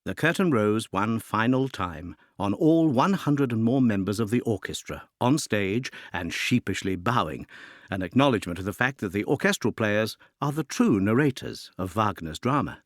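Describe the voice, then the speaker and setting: This educational music introduction is read by a man whose fairly low voice moves expressively across a wide pitch range, with lively intonation at a moderate pace. His delivery is articulate, scripted and rhetorical. The sound is dry, without room sound.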